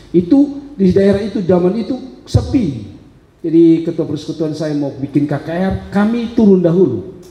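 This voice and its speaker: A man's voice: fairly high pitch, dark tone. A middle-aged man with a Kupang-tinged accent, preaching a sermon as a pastor and telling personal stories in a chatty way with humorous asides. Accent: Kupang Malay-tinged Indonesian. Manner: conversational storytelling with humorous asides. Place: church hall. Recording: echoey church hall with long reverb.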